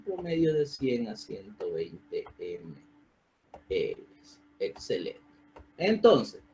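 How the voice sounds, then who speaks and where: A man teaches physiopathology over a video call. His voice sits a little high, and he keeps asking students questions and checking that they follow. It sounds like a computer mic. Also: darkish tone. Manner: asks the class questions, checks with "¿sí?". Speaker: physiopathology lecturer. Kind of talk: online medical lecture.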